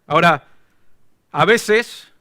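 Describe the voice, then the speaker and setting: Bright-voiced Argentine pastor preaching. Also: male voice, high voice, very slow. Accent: Argentine Spanish. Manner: conversational, storytelling preaching. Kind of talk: sermon.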